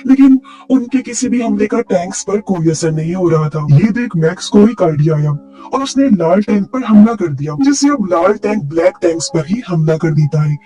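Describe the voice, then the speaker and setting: A man with a high, mellow voice narrates a movie recap at a steady storytelling pace. Faint music plays beneath his voice.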